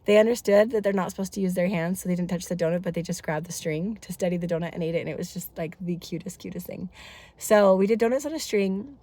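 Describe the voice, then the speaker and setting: A woman's voice: fairly low pitch, fast talker, mellow, no room sound. A woman in her thirties chatting casually in a family vlog, congested from a head cold, talkative and rambling with lots of asides. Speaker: family vlogger.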